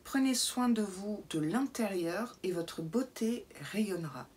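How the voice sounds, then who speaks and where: A woman vlogging an unboxing to camera, chatty and casual, sometimes dropping into soft asides, in a brightly lit indoor room. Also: medium pitch, animated, slow pace, slightly rough. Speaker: beauty box unboxing vlogger.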